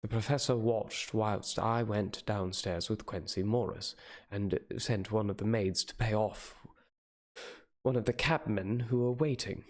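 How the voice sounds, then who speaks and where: A man's voice: on the low side, fairly even intonation, measured pace. A man narrating a classic novel as a hammy dramatic reading, sometimes stumbling and going back over phrases. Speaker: reader. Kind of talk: dramatic audiobook-style narration.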